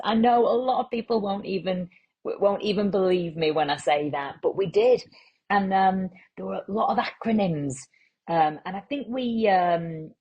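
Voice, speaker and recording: A woman with a Lancashire accent hosting a comic podcast, rambling through absurd deadpan asides and calling listeners treasure. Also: mid-range voice, husky. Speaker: podcast host.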